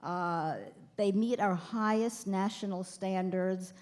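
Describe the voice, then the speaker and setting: A woman's voice: mid-range voice, fairly even intonation, slow pace, a little mellow. A woman in her fifties giving a chatty, self-deprecating speech at a gala, speaking to the crowd from a podium. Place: banquet hall.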